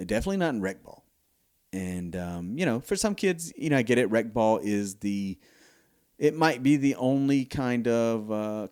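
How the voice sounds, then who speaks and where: A man's voice: deep voice, darkish tone. A middle-aged man from the United States hosting a solo podcast, talking casually and rambling with many fillers and restarts. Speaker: podcast host.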